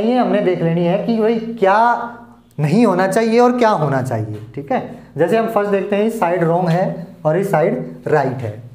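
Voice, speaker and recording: A man's voice: sits high, a little mellow. A man teaching an English grammar lesson to students, explaining patiently and repeating each point. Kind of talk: classroom lesson explaining at a board. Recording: echoey room.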